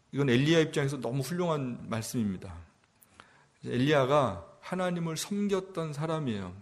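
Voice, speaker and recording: A man preaching a sermon as a pastor, talking to his congregation in a conversational way, asking them questions and building up to emphatic passages. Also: mid-range voice. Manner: rises to emphatic, louder passages.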